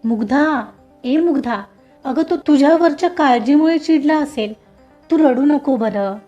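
A woman voicing a kindly old grandmother who speaks gently and comfortingly. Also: sits high, a little slow, lo-fi sound, soft background music. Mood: gentle.

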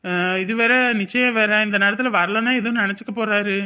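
A man's voice: high voice, steady tone, a little fast, sharp tone, smooth. A man playing a caring middle-aged village father in a family drama, speaking earnestly. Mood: concerned.

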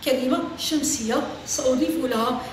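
A woman teacher leads a dictation lesson for young pupils, with a fairly high voice. She slows down and repeats words syllable by syllable. The room is very echoey, with a faint hum behind her. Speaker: primary school teacher. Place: classroom.

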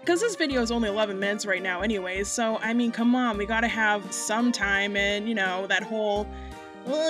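A gaming YouTuber from Massachusetts, United States, with a fairly high voice, rambles chattily and self-deprecatingly through a casual home voiceover over gameplay. She's recorded under a blanket, so the sound is muffled, and she breathes audibly, laughs often, and is getting hot.

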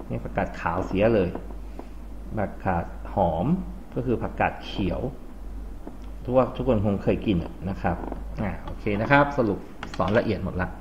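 A man's voice: lowish voice, highs cut off, a little hiss or hum. A man from Thailand teaching English vocabulary to a class, explaining words and quizzing the students. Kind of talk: classroom lesson.

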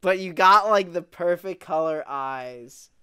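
Smooth, lower-voiced young woman host. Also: slow pace, a bit bright. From New Jersey. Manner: playful, says "like" a lot. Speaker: podcast host. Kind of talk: casual chat.

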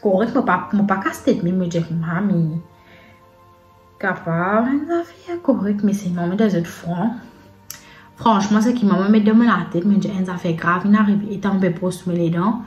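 A woman with a Mauritian Creole accent telling a personal story in a casual storytime vlog, in halting, repetitive phrases with many pauses. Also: medium pitch, lively intonation, darkish tone, lo-fi sound. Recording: roomy echo with faint background music. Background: faint sad music.

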